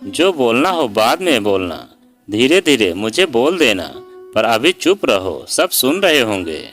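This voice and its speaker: A man's voice: medium pitch, sing-song, measured pace, fairly bright tone, faint music behind. A man voicing an irritated young husband in a story reading, defensive and brushing off his wife's complaints.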